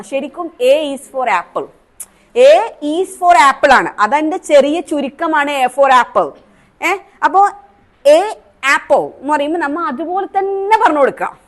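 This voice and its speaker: A woman Montessori trainer with a Kerala accent, teaching a teacher training class and asking the trainees questions. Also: high-pitched. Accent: Malayali, Kerala. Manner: asks the class questions, demonstrates sounds.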